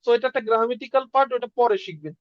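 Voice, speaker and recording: A woman teaches a beginner language lesson, repeating sounds one by one and quizzing the listener on what words mean. She speaks very fast and animatedly in a fairly high pitch. The recording is dry with no echo, muffled and lo-fi.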